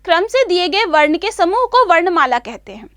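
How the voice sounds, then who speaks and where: Teacher, female: very high voice, dry close sound, patient and careful, spells out each sound for kids. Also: sing-song, normal speed, a bit bright, no room sound. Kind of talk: children's grammar lesson.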